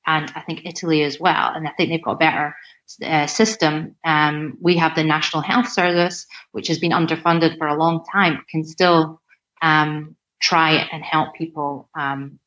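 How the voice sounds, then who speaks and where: A Scottish personal trainer chats casually, sprinkling her talk with fillers like "like" and "right?". Her voice sits low and a bit bright, with a steady tone at a moderate pace. The recording sounds dull and lo-fi.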